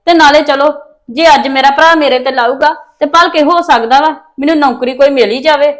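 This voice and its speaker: Young Punjabi-accented woman, high and pleading. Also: brisk, a bit bright. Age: young adult. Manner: pleading, defensive. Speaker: daughter. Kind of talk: family drama acting.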